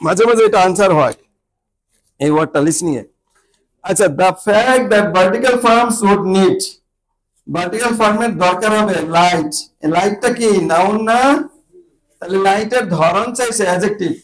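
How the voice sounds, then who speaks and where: High-voiced man drilling an English class. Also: normal speed, low-quality recording. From Bangladesh. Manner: drills students with repeated questions. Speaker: IELTS teacher. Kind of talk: classroom lesson.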